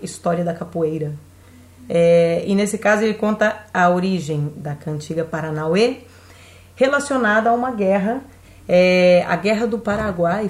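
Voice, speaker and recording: A woman's voice: mid-range voice, a little mellow, echoey room. A Brazilian woman co-hosting a casual podcast, chatting and thinking aloud with frequent restarts. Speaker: podcast co-host.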